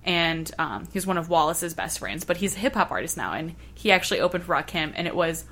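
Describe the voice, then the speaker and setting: Bright-voiced woman telling a lively story. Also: on the low side, brisk. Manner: animated storyteller, filler-heavy, laughs often. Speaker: guest. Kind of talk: casual chat.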